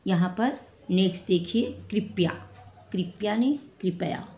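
A woman teaching a spelling lesson to children, repeating each word slowly and correcting mistakes one by one. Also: medium pitch, animated, warm tone. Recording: echoey room with faint ambient noise.

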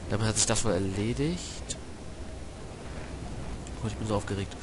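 A man's voice: fairly low pitch, moderate pace. A young man giving casual, slangy gaming commentary as a Let's Play host. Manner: colloquial, slangy, mildly swearing. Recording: loud game noise behind the voice. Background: video game ambience.

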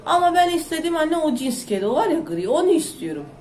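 A woman chatting loudly and rambling to her viewers in a casual home vlog. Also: high-pitched, sing-song, quick pace, a little hiss or hum. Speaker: vlogger. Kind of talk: casual chat to camera. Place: home, indoors. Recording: echoey room.

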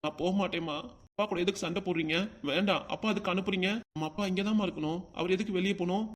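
A performer voicing a small boy in a cartoon comedy, with a southern Tamil Nadu accent, talking softly and pleading meekly. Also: medium pitch, fairly even intonation, fast talker, lightly acted. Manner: soft, pleading and meek.

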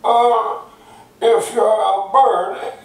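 A man's voice: sits high, level tone, extremely slow, gravelly, voice pushed up, exaggerated voice. A man voicing a hulking masked male villain, his voice muffled as if talking into a cup through cupped hands. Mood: menacing. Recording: roomy and distant, muffled by hands.

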